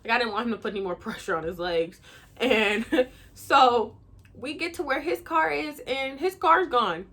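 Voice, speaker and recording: A young woman tells a story straight to camera as a vlogger, casual, frank and profane. Her voice is bright and slightly high, and her delivery is animated. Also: moderate pace.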